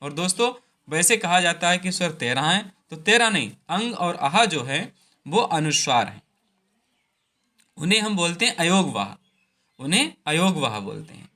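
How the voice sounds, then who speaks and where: A man's voice: on the high side, sing-song, moderate pace, sharp tone. A man teaching a Hindi grammar lesson, repeating each point and drawing out the vowel sounds.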